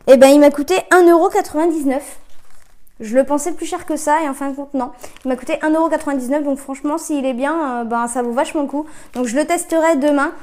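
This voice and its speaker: A woman with a high-pitched voice chats her way through a product haul, pausing often on fillers and correcting herself as she goes. It is recorded on a phone camera at home, close and informal. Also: a little mellow. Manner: chatty, many filler hesitations and self-corrections. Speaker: vlogger reviewing discount-store buys. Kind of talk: casual chatty product haul.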